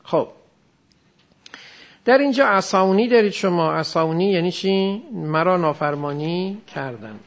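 A man with a high, gravelly voice lectures a class. He explains grammar point by point and keeps stopping to quiz his students. The recording sounds dull and muffled. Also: expressive. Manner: explains step by step, asks students questions. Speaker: religious studies teacher.

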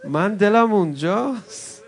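At a mourning gathering, a preacher with a notably high voice and lively intonation delivers an emotional religious sermon. He swings from loud, impassioned cries to soft, intimate address, speaking to the crowd in a chummy way and calling them friends.

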